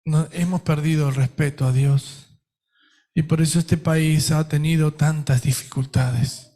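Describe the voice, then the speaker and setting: A middle-aged man with an Argentine Spanish accent, preaching a sermon as pastor with emphatic delivery and dramatic pauses. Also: fairly high pitch, steady tone, warm tone.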